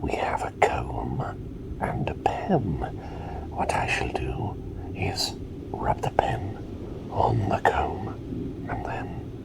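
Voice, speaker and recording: A man voicing a courteous, inquisitive plague doctor in a soft, repetitive, soothing ASMR whispered role-play. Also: a bass voice, sing-song, creaky, full character voice, poor audio. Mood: playful, soothing. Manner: soft, unhurried, gently repetitive and formal. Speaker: ASMR performer.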